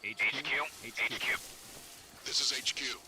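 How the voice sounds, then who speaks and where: A man's voice: medium pitch, steady tone, unhurried, far from the mic, heavy background noise. A man voicing a curt, formal enemy headquarters radio operator, heard over an old field radio and speaking in clipped military radio procedure.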